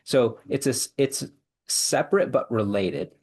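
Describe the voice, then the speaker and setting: A man, a psychologist and coach, explaining ideas in long, measured answers with frequent restarts. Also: medium pitch, lively intonation, darkish tone, husky. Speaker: clinical psychologist and executive coach, guest. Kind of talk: explanatory interview talk.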